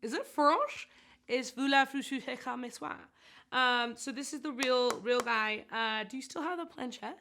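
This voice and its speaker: Brief: chatty woman, giggly rambler, bright tone. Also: high-pitched, a little slow, a little hiss or hum. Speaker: actress and set designer interviewed about her film. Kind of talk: casual chat.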